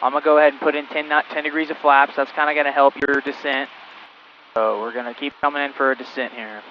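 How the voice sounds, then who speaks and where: A male flight instructor on a cockpit headset intercom, calmly talking a student pilot through each step in flight. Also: medium pitch, fast talker, lo-fi sound, a little hiss or hum. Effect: heard over a cockpit headset intercom. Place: small plane cockpit in flight.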